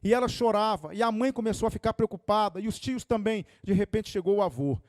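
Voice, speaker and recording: A man's voice: high voice, fast, dry recording, clean studio sound. A male pastor, preaching an impassioned sermon that swells and drops. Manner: impassioned, rising and falling dynamics.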